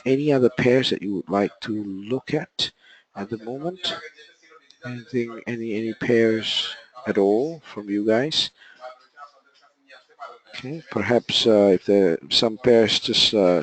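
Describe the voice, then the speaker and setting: A trading analyst with a somewhat low voice presents a live webinar, walking through market charts step by step and filling gaps with frequent "okay" and "uh." A sore throat leaves his voice unclear and quiet, and the audio quality is poor.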